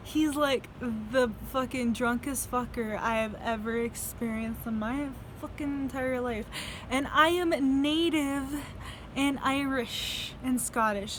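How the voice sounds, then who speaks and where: In a casual video diary, a young American vlogger rambles through stories, swearing freely and laughing between sentences. Her voice sits on the high side, with slight background noise.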